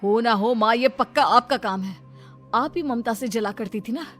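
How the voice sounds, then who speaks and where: A woman's voice: a little high, moderate pace, fairly bright tone, soft background music. A woman voicing a protective adult son who reproaches his mother earnestly in a moral story. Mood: indignant.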